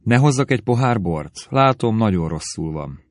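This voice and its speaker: Guy reading a polite concerned gentleman, low voice, dry close mic. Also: expressive, no echo, lightly acted. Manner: earnest, courteous tone. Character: reserved young gentleman, courteous and concerned.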